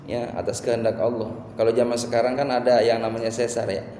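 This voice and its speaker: A middle-aged man preaching a sermon, telling a personal story in a conversational way that swells into impassioned, high-pitched delivery. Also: level tone, fast, mellow, a little hiss or hum. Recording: echoey hall with faint ambience.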